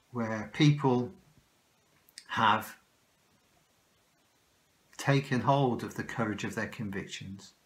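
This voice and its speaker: Older male preacher, Welsh English accent, slow and sincere, self-correcting; home-recorded sermon, close phone mic. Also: medium pitch. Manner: slow, earnest, with frequent restarts. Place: small room at home, indoors. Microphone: phone or webcam close in front.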